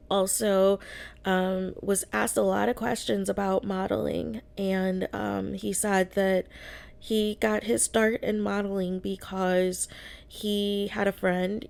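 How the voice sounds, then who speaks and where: A woman hosting a casual YouTube reaction recap, sounding slightly sick and pausing often on drawn-out ums as she talks to viewers. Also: mid-range voice, creaky, a little mellow. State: slightly under the weather, getting over an illness.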